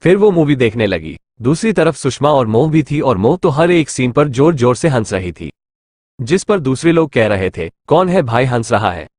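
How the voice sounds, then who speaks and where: A man's voice: mid-range voice, moderate pace, no room sound. A man narrating an audio novel in scripted storytelling, close to a dry mic. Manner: storytelling, expressive.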